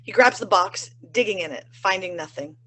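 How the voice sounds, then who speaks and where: A woman's voice: mid-range voice, lively intonation, moderate pace, fairly bright tone, poor audio. A woman reading stage directions evenly in an online play reading. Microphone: video call.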